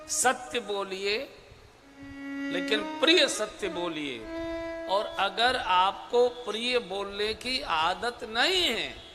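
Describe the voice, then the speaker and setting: A male preacher with a high voice delivers a slow devotional discourse, stretching out his key phrases for emphasis. His voice rings through a large hall with a long reverb tail, and soft violin music plays behind him. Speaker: spiritual preacher.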